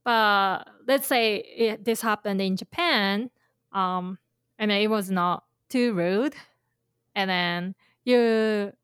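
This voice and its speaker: Slow-talking woman teaching Japanese. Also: mid-range voice, fairly bright tone, smooth, dry recording, studio quality. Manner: explains with imagined scenarios, many fillers. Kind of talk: casual language lesson chat.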